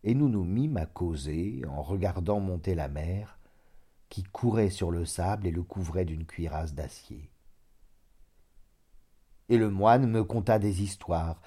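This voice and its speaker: A man reading a literary story aloud in a measured, dramatic narration. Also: deep voice, animated, dark tone, husky. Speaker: audiobook narrator.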